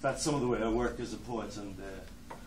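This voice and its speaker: Irish male poet, lowish voice, hesitant asides, slow verse; distant mic, roomy hall, audible noise. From Ireland. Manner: hesitant, many ums between phrases, slow deliberate verse. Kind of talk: poetry reading with spoken introductions. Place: lecture hall with an audience.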